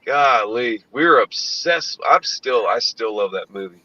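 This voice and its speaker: With a mid-range, sharp-toned voice, a man chats animatedly but unhurriedly on an indoor video call, rambling and swearing a lot. Slight background noise sits under the somewhat dull lo-fi audio.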